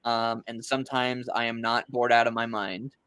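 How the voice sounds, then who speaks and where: A man's voice: mid-range voice, little pitch movement, moderate pace, a bit bright, clear, resonant tone. A man in casual chat who speaks hesitantly, filling his sentences with ums and likes. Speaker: podcast guest.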